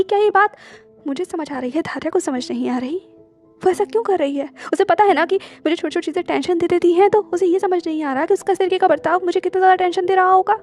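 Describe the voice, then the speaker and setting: A woman storyteller narrating an emotional audiobook romance, speaking in the first person and acting out a tense phone call, with hesitant, stammering pauses. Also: extremely high pitch, darkish tone. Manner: emotional, voices both friends with hesitant stammers.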